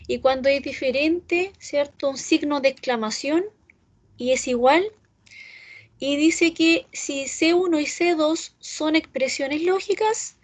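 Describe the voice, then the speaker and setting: Slow patient high-voiced woman teacher. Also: poor audio. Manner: slow, patient, keeps checking with "¿cierto?". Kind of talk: online class on R programming.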